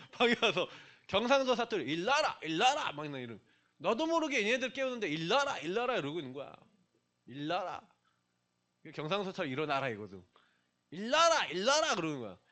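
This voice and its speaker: A man's voice: sits high, fairly bright tone. A middle-aged man preaching to young people in a church, talking casually and putting questions straight to his listeners. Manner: conversational, questions the listeners directly. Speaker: pastor.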